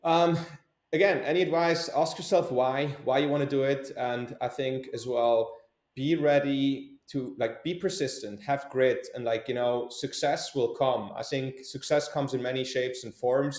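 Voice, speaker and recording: A man's voice: medium pitch, fairly even intonation, normal speed, a little mellow. A young man from Switzerland, an entrepreneur answering interview questions in a hesitant way, with many fillers and restarts. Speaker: entrepreneur guest. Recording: echoey room.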